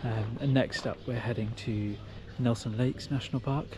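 A man's voice: mid-range voice, fairly even intonation, normal speed, noisy background. A man casually narrating his travel vlog in an easygoing, chatty way, with filler words. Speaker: travel vlogger. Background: background music.

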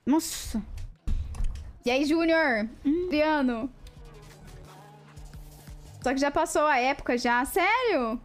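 A high-pitched Brazilian woman streamer in a loose, playful live chat. She greets viewers by name and giggles whenever her tongue trips over a twister. Soft music plays faintly behind her. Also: lively intonation, slow pace, long pauses. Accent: Brazilian Portuguese.

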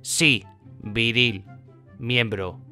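A Spanish YouTuber in his twenties, with an accent from Spain, gives casual, jokey reaction commentary and repeats words for effect. His mid-range voice is extremely slow with a sharp edge, recorded close on a desk condenser mic in a small indoor bedroom over soft background music.

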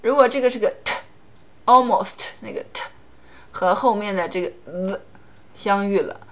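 A woman teaching English pronunciation, explaining rules in Chinese and slowly repeating English example words. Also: medium pitch, a bit bright. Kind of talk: language lesson.

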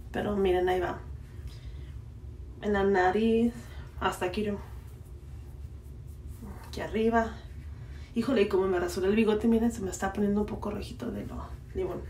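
Mexican woman chatting away to viewers, playful, sounds far from the mic, bit of hiss. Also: mid-range voice. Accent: Mexican Spanish. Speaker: beauty vlogger. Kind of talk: casual chat while applying a face mask. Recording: echoey room, mic far off, faint noise.

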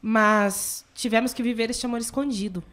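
A woman's voice: on the high side, steady tone, normal speed, fairly bright tone, lightly acted. A woman playing an earnest young pregnant woman in forbidden love in a radio soap opera. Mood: anxious confession.

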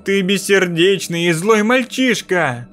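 A man voicing a sinister female spirit in a mirror, slow, loud and menacing. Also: high-pitched, faint music behind, pitched above the performer's own voice.

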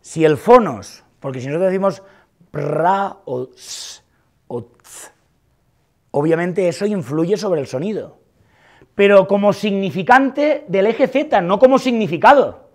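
Emphatic man lecturing, slightly high voice. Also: expressive, normal speed, a little mellow. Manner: emphatic, argumentative, repeats words for stress. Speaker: philosophy of music lecturer. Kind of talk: university lecture. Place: large lecture hall.

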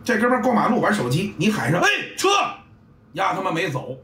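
Middle-aged man, blunt and salty, high lively voice, roomy sound from a distant mic. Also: very fast. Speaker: football coach and commentator. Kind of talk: casual monologue.

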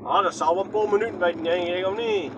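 High-voiced Groningen man chatting while driving. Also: fairly even intonation, quick pace, highs cut off, background noise. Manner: rambling, chatty, asks himself questions and trails off. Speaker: vlogger. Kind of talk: casual running commentary while driving. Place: inside a moving vehicle.

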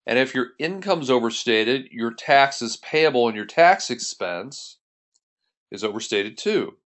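A man who instructs in accounting narrates a screen-recorded tutorial, proceeding methodically step by step. He sounds expressive and fairly bright, speaking in a mid-range voice at a measured pace.

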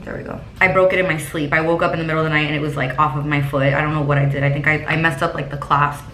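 A woman's voice: low voice, level tone, racing, a bit bright, faint music behind. A young adult woman with a lisp and whistling s sounds, chatting casually as a vlogger at home into a camera mic. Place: rooms inside a house. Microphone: camera mic at about arm's length. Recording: echoey room with clear background noise.

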